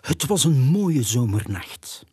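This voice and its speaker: A storyteller reading a children's storybook aloud with a breathy voice and hushed, half-whispered narration. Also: medium pitch, big pitch swings, takes it slowly, no room sound, clean studio sound.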